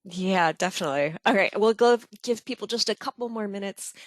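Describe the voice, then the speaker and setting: A woman's voice: medium pitch, fairly quick, no echo. A woman hosting a webinar interview, asking questions in a friendly way. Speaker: webinar host.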